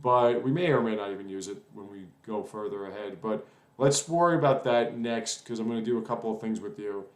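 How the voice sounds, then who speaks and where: A man's voice: on the low side, fairly quick, few pauses. A man giving a casual coding tutorial, rambling and thinking aloud with plenty of fillers. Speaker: web development tutor. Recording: roomy echo.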